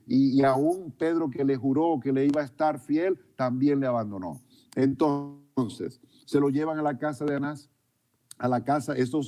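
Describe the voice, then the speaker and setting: Male preacher, sermon delivery, mellow dark tone, repeats himself for emphasis. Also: mid-range voice. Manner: retelling events with acted quotes, repeating himself for emphasis.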